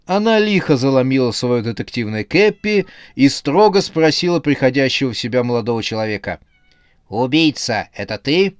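A man narrating a comic horror novel as an audiobook with expressive, lively storytelling. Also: mid-range voice, brisk, hardly any pauses, smooth, dry recording, studio quality.

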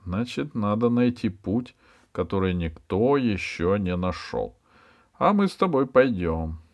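A man's voice: on the low side, very animated, unhurried. A man doing a cocky young scientist. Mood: lecturing. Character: boastful young male biologist, impatient and sure of himself.

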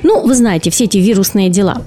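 Speaking at a quick pace in a dark-toned, mid-range voice, with faint music behind her, this woman hosts an educational podcast as a speech and voice therapist. She patiently explains ideas and asks her listeners rhetorical questions.

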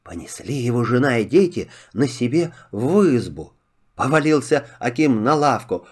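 A man narrating a children's fairy tale in an animated storytelling manner. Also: mid-range voice, moderate pace, breathy edge.

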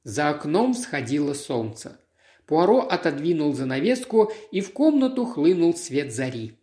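An audiobook reader giving a measured, dramatic scripted narration of a detective story. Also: mid-range voice, sing-song, dark tone. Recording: roomy echo.

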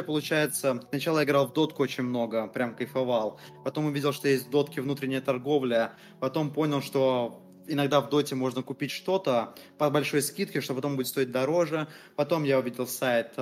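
Slangy young man, casual swearing. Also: medium pitch. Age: 20s. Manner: slangy, swears freely, relaxed. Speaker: guest entrepreneur. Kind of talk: casual interview talk.

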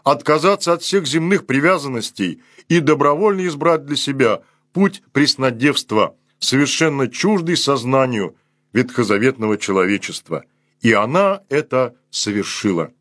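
Male priest, sermon reading: husky tone, dry close sound, unhurried, phrases falling at the ends. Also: mid-range voice, expressive, a bit bright, dry recording. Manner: slow and measured, voice sinks at the close of each phrase. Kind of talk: solemn read sermon.

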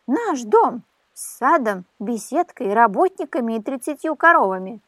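A woman's voice: a little high, big pitch swings, normal speed, a bit bright, no room sound. Woman doing a sly, wheedling old fisherwoman. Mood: insistent.

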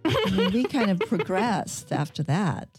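A woman's voice: mid-range voice, huge pitch swings, measured pace, husky, soft background music. An American woman chatting in a casual group discussion in a tentative, hedging way.

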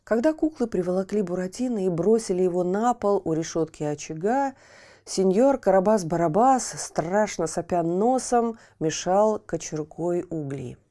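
A woman reading a fairy tale aloud as the storyteller in slow, expressive narration. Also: on the low side.

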